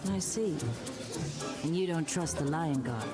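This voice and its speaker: A woman's voice: low voice, lively intonation, measured pace. An actress playing a wry, world-weary female private detective in a film noir style video game story, with dry, sardonic delivery. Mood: cool, sardonic. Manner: dry, sardonic, hard-boiled. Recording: game dialogue under loud music.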